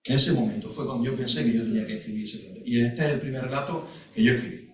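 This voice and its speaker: A middle-aged man tells a personal story to a live audience, halting and restarting often. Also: mid-range voice. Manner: halting, with many restarts and asides. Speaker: guest speaker at a panel talk. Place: large echoey hall. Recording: echoey hall, voice far from mic.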